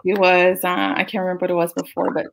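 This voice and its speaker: A woman co-hosting a casual livestream chat, relaxed and talkative with frequent fillers. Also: fairly low pitch, quick pace, vocal fry. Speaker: co-host.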